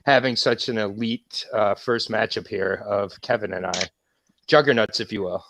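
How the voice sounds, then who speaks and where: A man's voice: fairly low pitch, normal speed, fairly bright tone, a little hiss or hum. A man competing in a casual online trivia match, playful and self-deprecating. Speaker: trivia contestant. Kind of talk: casual online show banter.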